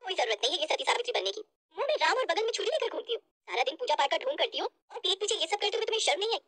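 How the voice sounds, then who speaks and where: A woman's voice: very high-pitched, expressive, rapid-fire, pushed and bright, dry recording, voice pushed up, exaggerated voice. A woman doing a spiteful young sister-in-law. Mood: mocking accusing. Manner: mocking, accusing.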